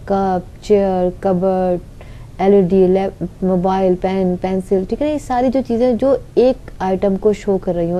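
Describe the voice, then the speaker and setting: A woman's voice: mid-range voice, dark tone. A woman teaching an online grammar lesson, patiently explaining and answering her own questions.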